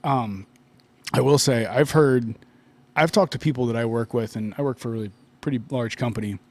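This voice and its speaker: A man's voice: mid-range voice, a little fast, no room sound. A man from Northeastern Ohio hosting a casual podcast chat, rambling with many fillers and laughing often. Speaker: podcast host.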